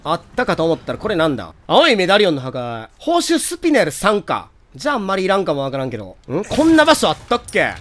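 A young man with a Kansai accent giving excitable, joking commentary on a game he is playing, with loud outbursts. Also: sits high, fast, few pauses. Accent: Kansai Japanese. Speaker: gameplay commentator.

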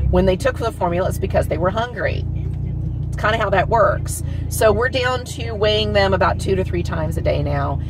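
A woman's voice: fairly low pitch, rough recording. A woman in her forties giving a casual, rambling vlog update from inside her car, filmed on a dashboard phone. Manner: chatty, rambling, frequent "uh" fillers and restarts. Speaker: kitten rescuer and vlogger. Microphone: phone camera mounted on the dashboard.

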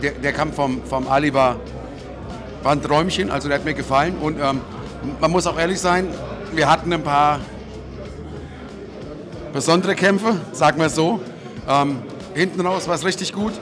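A man's voice: fairly high pitch, steady tone, moderate pace, long pauses. A middle-aged man giving casual interview answers into a handheld microphone at an event. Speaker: ring announcer interviewed. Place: indoor boxing hall, at a sponsor wall. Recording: music behind the voice. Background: music.

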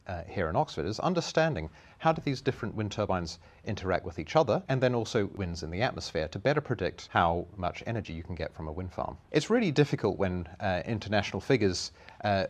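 A man in his thirties speaking as an academic, explaining things in a measured, articulate way to camera. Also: deep voice, lively intonation. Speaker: academic engineering professor. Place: small office or meeting room indoors. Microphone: clip-on lapel mic.

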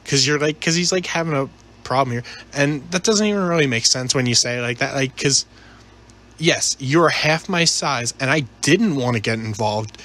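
A man's voice: mid-range voice, moderate pace, fairly bright tone. A man telling a personal story in a casual, rambling, conversational way, often hesitating and repeating himself. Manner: hesitant, repetitive, conversational, quotes dialogue. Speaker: gaming video narrator telling a personal story.

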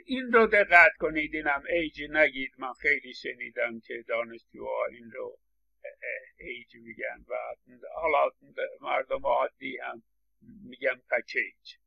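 A man's voice: mid-range voice, steady tone, creaky, highs cut off. A middle-aged man lecturing on English phonetics, explaining patiently and stressing words as he repeats examples, with English words spoken. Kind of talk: recorded lecture.

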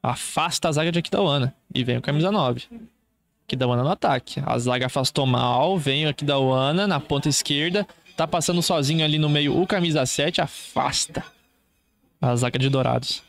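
A man's voice: a little high, normal speed, creaky. A man with a Brazilian accent doing live football play-by-play as a commentator, in short clipped running phrases.

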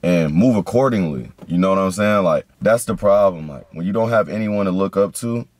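A young man in his twenties with a very low voice, talking slowly and earnestly to his camera. The sound is dry and close, with no room around it. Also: a little mellow, no room sound. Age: 20s. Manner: earnest, slow, heartfelt. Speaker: vlogger. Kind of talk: reflective vlog talk to camera.

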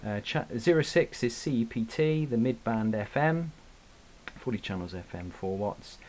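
Indoors, a hobbyist man demonstrates and reviews a product in an unscripted, informal, hesitant way. His mid-range voice has lively intonation and a darkish tone, and he speaks at normal speed. The camera microphone produces a noisy, hissy amateur recording.

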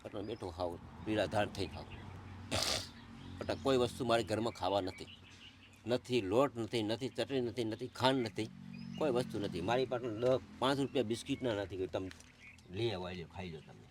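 A man's voice: lowish voice, normal speed, background noise. A middle-aged man, crying and pleading, telling of his hardship and calling the interviewer sir again and again. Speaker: interviewee, father in need. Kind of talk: emotional conversation.

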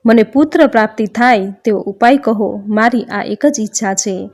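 A man's voice: high-pitched, normal speed. A woman voicing a remorseful ancient king who pleads for forgiveness, read within a devotional storytelling narration. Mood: pleading. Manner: pleading, apologetic.

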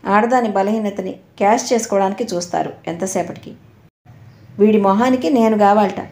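A woman's voice: medium pitch, moderate pace, darkish tone, close to an everyday voice. A woman voicing a proud young woman who speaks sharply and indignantly, in a storybook reading. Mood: angry. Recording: roomy echo.

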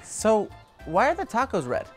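A young man in a comedy sketch, excitable and teasing, reacting with comic overemotion. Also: sits high, moderate pace, soft background music.

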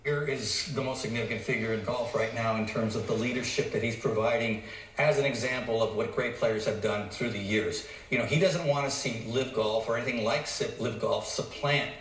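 A man's voice: mid-range voice, a little fast, a bit bright, recorded from a distance. Man in an echoey TV studio clip. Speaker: TV golf analyst. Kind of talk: broadcast studio commentary. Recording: echoey clip played from afar.

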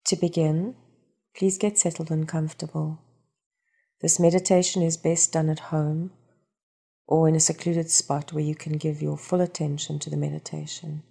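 A low-pitched woman with a mellow, dark tone narrates a guided meditation in a breathy, husky voice with a noticeable creak. Her instructions come calmly and soothingly, never rushed.

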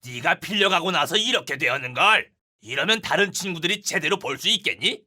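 A man voicing a stern adult male librarian in an animated cartoon, speaking with admonishing authority. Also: on the high side, a little fast, heavily acted. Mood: scolding.

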